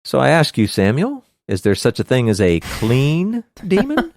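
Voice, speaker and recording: A man co-hosting a casual Bible study podcast, animated and quick to laugh, with hammy outbursts. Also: mid-range voice, no room sound. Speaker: podcast co-host teaching scripture.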